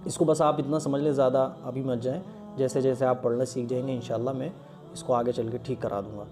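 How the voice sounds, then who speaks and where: A man's voice: medium pitch, steady tone, over music. A man teaching the Arabic letters as a Quran lesson, patiently stretching each letter sound and checking in often with his listeners.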